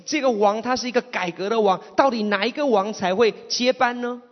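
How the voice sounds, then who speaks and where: A man with a Malaysian accent interpreting a sermon phrase by phrase, sometimes halting and repeating words as he finds the phrasing. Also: extremely high pitch. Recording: muffled, long hall reverb.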